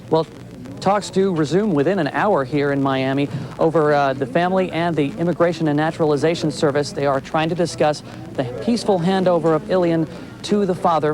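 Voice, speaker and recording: A television field reporter delivers a live news report outdoors on a city street, speaking briskly with a fairly high pitch and fairly even intonation. The rough recording picks up crowd and street noise.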